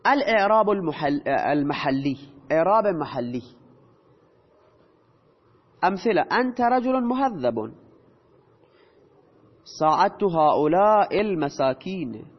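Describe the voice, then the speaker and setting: A high-pitched man teaching a grammar lesson, putting questions to his class and answering them himself. The recording is dull and lo-fi, with a long reverb trailing his words. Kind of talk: explaining grammar to students.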